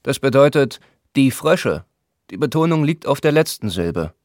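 A man voicing a learned older gentleman who lectures pedantically, read aloud in an audiobook. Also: mid-range voice, very animated, normal speed, no echo, studio quality, voice pushed up, close to an everyday voice. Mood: lecturing. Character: learned older gentleman showing off his Greek. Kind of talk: audiobook reading.

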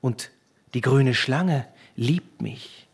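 A man's voice: medium pitch, drawn-out words, creaky, breathy edge, exaggerated voice. A man voicing a dreamy, unhinged young student who muses with rapture. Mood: fervent.

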